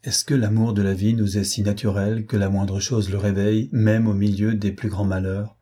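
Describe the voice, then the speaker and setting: A man narrating a novel as an audiobook in a measured, deliberate reading. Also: on the low side, flat delivery, dark tone, slightly rough. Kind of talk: scripted literary narration.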